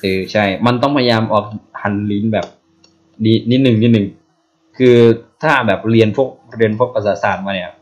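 A man's voice: lowish voice, fairly quick, darkish tone, highs cut off. A man casually explaining something to a co-host, playfully sounding out syllables one by one.

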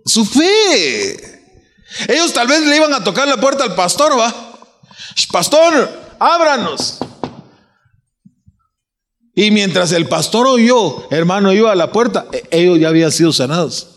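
Preacher guy, kinda high voice, big pitch swings, lots of questions n restarts, reverby church hall. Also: sing-song, normal speed, fairly bright tone. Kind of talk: sermon.

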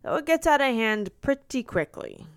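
A woman from the United States co-hosting a casual podcast, walking through numbers with wry, deadpan sarcasm. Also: on the high side, normal speed, clear, resonant tone, no room sound, studio quality. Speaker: podcast co-host.

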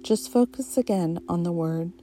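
A woman guiding a relaxation meditation in a soft, soothing, hypnotist-like voice, leaving long pauses between short phrases. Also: lowish voice, a little hiss or hum. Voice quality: soft, mellow. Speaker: guided meditation narrator.

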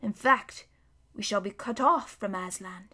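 A woman reading aloud voicing an earnest, protective male beaver who speaks slowly and with weight. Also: mid-range voice, bright, forceful tone, slightly rough. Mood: urgent.

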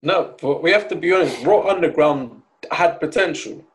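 A man's voice: on the high side, moderate pace. A man chatting casually as a co-host on a podcast. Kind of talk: casual chat.

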